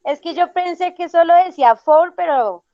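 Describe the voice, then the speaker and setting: A woman's voice: extremely high pitch, moderate pace, mellow, dry recording, dull audio. A teenage girl student who asks her teacher questions hesitantly. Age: teens.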